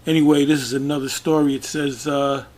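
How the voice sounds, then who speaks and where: A man with a somewhat high-pitched voice gives casual commentary while reading a news web page aloud. He speaks haltingly, with frequent fillers, false starts and repeated words. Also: little pitch movement, a little mellow. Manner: halting, many fillers and restarts, talks through what is on screen. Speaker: religious video commentator.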